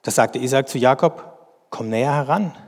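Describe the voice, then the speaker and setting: A man with a mid-pitched voice reads scripture with slow deliberation. Between passages he explains the text in measured commentary. His voice trails into a long reverb, as in a large hall. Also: darkish tone. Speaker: bible teacher.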